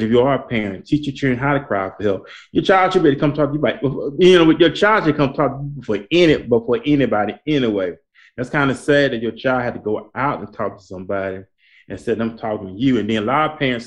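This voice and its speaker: A man hosting a talk in a colloquial, preacherly style, repeating his points to urge listeners on. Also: mid-range voice. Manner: repetitive, exhorting, colloquial. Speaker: host. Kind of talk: conversational talk, motivational preaching.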